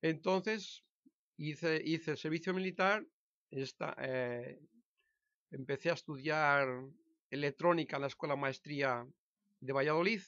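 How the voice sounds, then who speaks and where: A man's voice: on the high side, a bit bright, no echo, muffled recording. Hesitant Spanish man in his sixties. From Spain. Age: 60s. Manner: hesitant, halting, with frequent restarts and self-corrections. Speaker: vlogger telling his life story. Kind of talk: casual personal monologue to camera.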